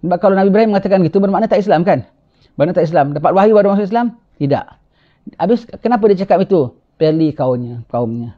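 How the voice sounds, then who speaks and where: Preacher guy telling a story, pretty high voice, keeps going ha? ha?, kinda dull muffled sound. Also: quick pace. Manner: animated, tags lines with rhetorical "ha?". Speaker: religious teacher. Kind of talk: sermon storytelling.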